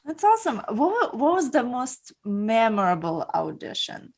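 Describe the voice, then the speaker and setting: A woman's voice: a little high, wildly swooping pitch, unhurried, a little mellow, husky. A woman hosting a podcast, asking questions with enthusiastic short reactions. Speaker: podcast host. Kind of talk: casual interview chat.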